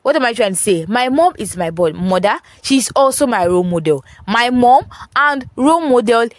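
A woman teaching grammar in a phone voice note, often repeating points and asking whether listeners understand. Her pitch jumps up when she stresses a contrast. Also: animated, normal speed, no room sound.

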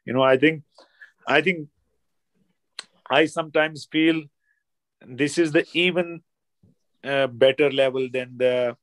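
A man with an Indian accent giving casual football analysis as a guest pundit, halting and repeating himself, often saying "you know". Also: medium pitch, steady tone, a bit bright, no echo, poor audio. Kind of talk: casual sports analysis chat.

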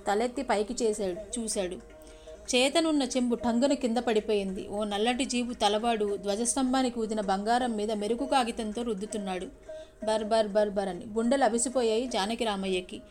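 Vivid high-voiced woman storyteller. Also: fairly even intonation, moderate pace, a little mellow, faint music behind. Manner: vivid, with sound words and direct address. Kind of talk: story narration with asides to listeners.

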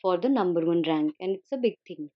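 A woman's voice: on the low side, animated, fairly quick, muffled recording. A woman in her twenties with a North Indian accent, speaking earnestly and conversationally as an interview guest, repeating phrases for emphasis and mixing in Hindi. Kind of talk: casual conversational interview answers.

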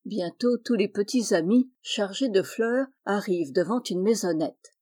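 A woman narrating a children's storybook aloud. Her delivery is clear and expressive, and her voice has a warm, mellow tone at a medium pitch. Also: unhurried.

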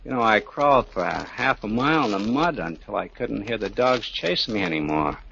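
A bitter, cruel escaped killer taunts in a low, sneering voice in a 1940s radio drama. He sometimes drops to a hush. The old broadcast recording sounds dull and muffled. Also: expressive, brisk, gravelly, slight background noise, exaggerated voice. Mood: mocking.

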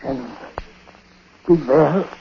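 An actor playing a dying, superstitious old uncle in a 1940s radio drama, speaking haltingly in short, weighty phrases. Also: male voice, fairly high pitch, vocal fry, heavily acted. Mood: weary confession. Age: older. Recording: muffled, noisy 1940s radio recording.

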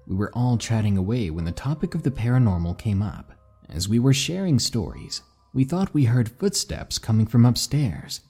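A man narrating spooky stories in a slow, hushed, dramatic way. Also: mid-range voice, very animated, slightly rough. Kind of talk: scripted story narration.

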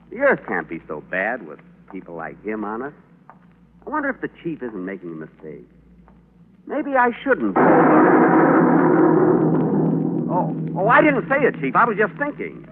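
A man playing a naive, polite angel messenger who gets easily flustered, in a 1940s radio play. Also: lowish voice. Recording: tinny old radio broadcast with loud hiss.

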